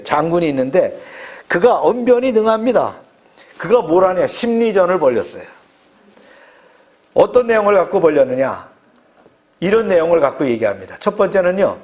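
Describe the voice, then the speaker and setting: Male pastor, raised pitch, emphatic preaching with quick affirmations between points. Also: darkish tone. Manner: emphatic preaching, punctuated by frequent short affirmations. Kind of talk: sermon.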